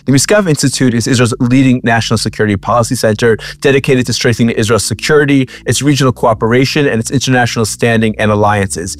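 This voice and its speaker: A man's voice: mid-range voice, fast, hardly any pauses. A man co-hosting a podcast, chatting casually with fillers and restarts, then introducing the show and a guest. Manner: conversational, with frequent fillers and restarts. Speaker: podcast co-host.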